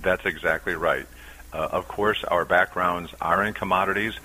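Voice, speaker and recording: A middle-aged man, a commodity options trader, explaining his strategy as a guest on a radio interview, steady with frequent "uh" pauses. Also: low voice, poor audio.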